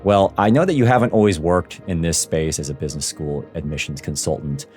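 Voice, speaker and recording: A man's voice: a bass voice, a little fast, darkish tone, soft background music. A man hosting a career podcast and asking his guest questions. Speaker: podcast host. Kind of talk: interview podcast.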